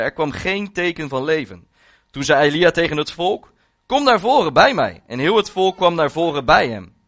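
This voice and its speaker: A man's voice: a little high, a bit bright. A male preacher reading a long scripture passage aloud as part of his sermon, solemn and with rising emphasis.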